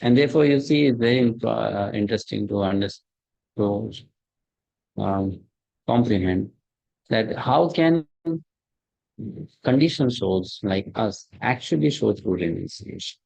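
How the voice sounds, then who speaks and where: A man's muffled voice comes through as if from behind a wall, low and gravelly, over a dull and dry computer microphone. He lectures on a video call in halting phrases, stopping and restarting his sentences. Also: darkish tone, dry recording. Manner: halting, with frequent restarts and fillers. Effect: muffled, as if heard through a wall. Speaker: teacher leading an online scripture class. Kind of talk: lecture with questions to students.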